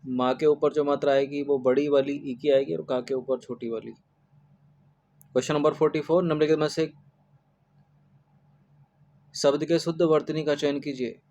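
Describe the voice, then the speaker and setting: A man works through exam questions one by one, a tutor who keeps repeating each spelling and checking in with listeners as he goes. His voice sits a little higher than most men's. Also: steady tone, moderate pace, pauses often, a little mellow, lo-fi sound, slight background noise. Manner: repetitive, drills spellings with "ठीक है" fillers. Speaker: exam-prep teacher. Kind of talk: explaining test answers.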